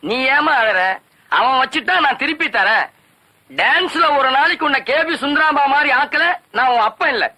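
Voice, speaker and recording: A man's voice: very high-pitched, lively intonation, moderate pace, bright, forceful tone, full character voice, rough recording. An actor playing an old father who scolds his drinking son in film comedy dialogue. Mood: scolding. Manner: reproachful, scolding.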